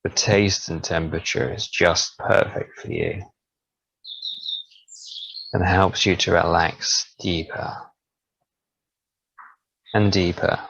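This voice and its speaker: A deep, gravelly male voice guides a hypnosis relaxation at an extremely slow, soothing pace, drawing out every phrase. The recording is dull and lo-fi. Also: fairly bright tone, no echo.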